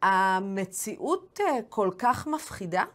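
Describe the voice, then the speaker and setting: A woman, hosting a TV interview, brisk and hesitating often between phrases. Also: mid-range voice, animated.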